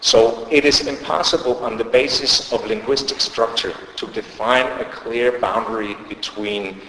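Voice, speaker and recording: Delivering a conference lecture, the Danish-accented sociolinguist, a middle-aged man, hesitates and restarts many times. His mid-range voice keeps a fairly even intonation at a moderate pace with a fairly bright tone, heard in an echoey lecture hall with faint ambience and slight background noise.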